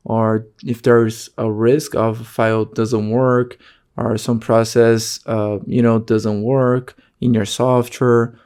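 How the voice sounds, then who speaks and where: A man with a medium-pitched, mellow voice teaches an online course. A native Portuguese speaker, he uses non-native phrasing and frequent fillers and keeps checking in with "okay?".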